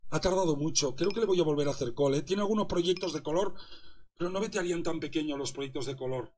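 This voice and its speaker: A man's voice: a little high, fast, a little mellow, slight background noise. A young man, a poker coach commentating his hands live and teasing a viewer in chat.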